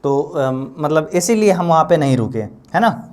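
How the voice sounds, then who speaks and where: A man's voice: on the high side, sing-song, unhurried, a little mellow. A male teacher explaining a story line by line, repeating points and checking in often with the listener. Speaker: English teacher.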